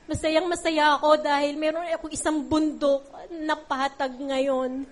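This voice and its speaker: High-voiced woman giving tearful testimony. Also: level tone, unhurried, slight background noise. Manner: heartfelt, tearful at times, with many fillers. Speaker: church member giving testimony. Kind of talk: emotional church testimony.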